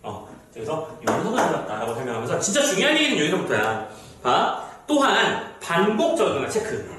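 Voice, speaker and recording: Lively man teaching in an echoey room. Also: on the high side, a little fast. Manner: lively, chatty, addresses students as kids; reads passages aloud, acting out the characters. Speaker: Korean literature teacher. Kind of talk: lecture to students. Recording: very echoey room, mic off at a distance, faint noise.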